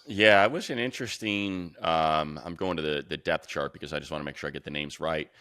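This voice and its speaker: A man with an extremely low pitch speaks a little fast, his clear, resonant tone pushed and bright, on a dry, studio-quality recording. He's a sports radio announcer co-hosting a sports podcast, talking casually and informally and drifting into rambling asides.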